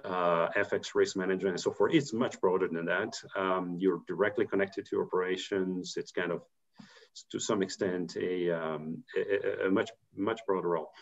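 A Belgian man in his fifties, a corporate treasurer, gives career advice on a video call from a room at home, speaking thoughtfully with many fillers and restarts. His voice is low-pitched and creaky, with fairly even intonation and a moderate pace. The call audio sounds muffled.

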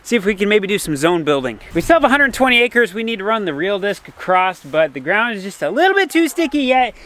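A young man vlogging from his farm shop, upbeat and energetic, talking to a handheld camera. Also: sits high, fast. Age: young adult. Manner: upbeat, energetic, talks to camera while walking around. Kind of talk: casual vlog narration. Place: large metal farm shop, indoors. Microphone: handheld camera at arm's length.

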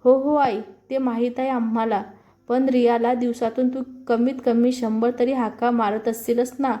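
A playful young brother teases his family, as a woman narrator reads his lines. The voice stays mellow and level, in a plain storybook reading. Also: a little high, flat delivery, normal speed, lightly acted. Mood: teasing. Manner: playful teasing. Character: teasing young elder brother.

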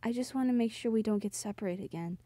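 A woman voicing a gentle, caring young man who talks softly and a little hesitantly, as she reads a dating game aloud. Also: a little high, fast, dry recording, studio quality, voice pushed down, natural voice. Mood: tender.

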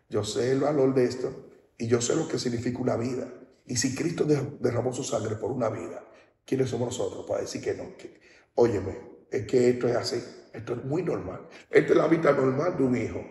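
A man's voice: mid-range voice, warm tone, far from the mic. A male pastor from the Dominican Republic preaching at a baptism, in a conversational style that keeps asking listeners whether they understand. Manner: conversational preaching, often asks "¿entiendes?". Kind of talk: sermon. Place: large hall at a baptism service. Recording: echoey hall, speaker off-mic.

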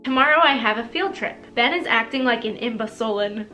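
A young woman with a slightly high voice reads her old diary aloud in an embarrassed, amused manner. She breaks in with exclamations and comments of her own, over clear background music. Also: brisk, sharp tone. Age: young adult. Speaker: vlogger. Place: small decorated room indoors.

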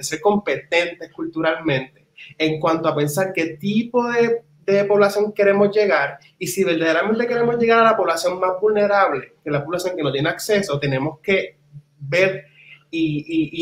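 On an echoey video call through his computer mic, a Puerto Rican man in his thirties speaks as an interviewee and community advocate from a small wood-walled room at home. His voice is on the high side, and he answers conversationally in Spanish with some English words, passionately and emphatically, repeating words for emphasis.

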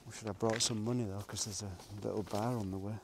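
A middle-aged cycling vlogger rambles casually as he rides forest trails, throwing in self-talking asides. His fairly low voice is steady and fast, captured by a small pocket camera mounted on his bike frame, giving noisy outdoor camera audio.

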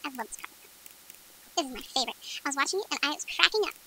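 A woman's voice: sits high, expressive, rapid-fire, very noisy. A woman's voice sped up into a chipmunk voice, chatting casually as she walks through a video tutorial and talks to herself while editing. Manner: chatty, rambling, self-talking while editing. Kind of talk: casual screen-recording tutorial.

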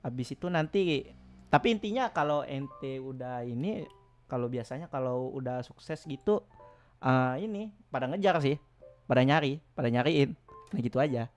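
A young man streaming casually, teasing his chat and laughing often, with sudden loud outbursts. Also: medium pitch, lively intonation, moderate pace, soft background music. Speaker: VTuber streamer. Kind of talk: casual live stream chat reading viewer messages.

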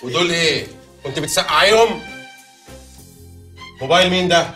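A sarcastic Egyptian cop. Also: male voice, fairly high pitch, moderate pace, pushed and bright, soft background music. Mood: mocking. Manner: mocking, sardonic. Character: sarcastic man, a police officer. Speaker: police officer. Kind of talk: comedy series acting.

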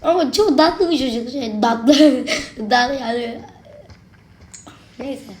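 Taking it slowly in a high-pitched voice, a young woman talks back to the on-screen baby and chats with her viewers during let's play commentary on a babysitting horror game. She's a gaming video creator, speaking casually over slight background noise.

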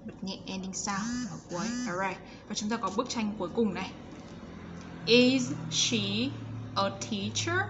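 A Vietnamese woman teaches English to young children with a Vietnamese accent. She explains briskly, then stretches out model phrases and repeats sounds. The recording is somewhat dull, with steady noise behind her. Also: medium pitch. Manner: switches between quick explanations and slow, drawn-out model sentences; encouraging, repeats sounds for pupils.

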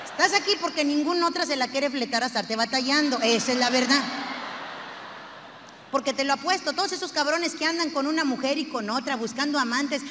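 A woman's voice: high voice, a little fast, big-room sound, noisy background. Brash Mexican woman doing stand-up. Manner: brash, profane, acts out quarrels with shifting voices. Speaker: stand-up comedian. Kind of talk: stand-up comedy routine.

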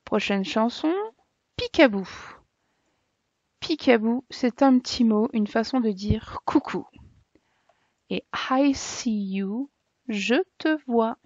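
A woman's voice: on the high side, slow, a little mellow, no echo. A woman teacher giving a children's vocabulary lesson, saying each word and then translating it. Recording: dry, dull lo-fi recording.

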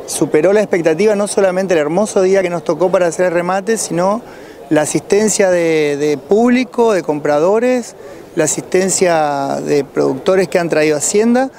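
High-voiced middle-aged Argentine man. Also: normal speed, darkish tone. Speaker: president of a rural producers' federation, interviewee. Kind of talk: on-site news interview, unscripted answers. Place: outdoors at cattle auction pens. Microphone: handheld reporter's microphone.

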